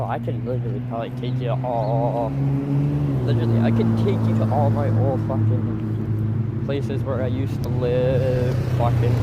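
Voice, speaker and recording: A man's voice: mid-range voice, heavy background noise. A man chatting casually as a streamer, rambling in a blunt, profane, meandering way. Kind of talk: casual rambling livestream chat.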